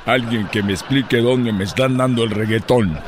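A man's voice: mid-range voice, normal speed, slight background noise. A man telling jokes and breaking into silly sung bits, with a playful, absurd delivery. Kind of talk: comedic storytelling and silly singing.

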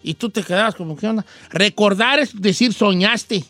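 A man with a western Mexican accent hosting a show in casual chat, playful and animated as he explains regional slang. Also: high voice, normal speed, no room sound, soft background music. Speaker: radio show host.

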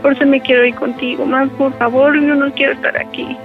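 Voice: high voice, little pitch movement, brisk, faint music behind. A performer playing a distraught young wife who rambles and pleads with her mother over a phone line. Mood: desperate. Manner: pleading, tearful rambling with many restarts. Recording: narrow phone line, dry.

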